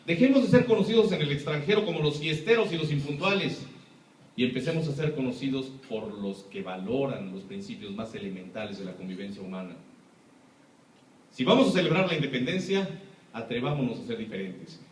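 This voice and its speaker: Speaking with a Mexican Spanish accent, a man lectures in an impassioned public talk, his mid-range voice animated and brisk. He is emphatic, poses rhetorical questions, and acts out quoted voices. The room is echoey, he stands far from the mic, and there's slight background noise.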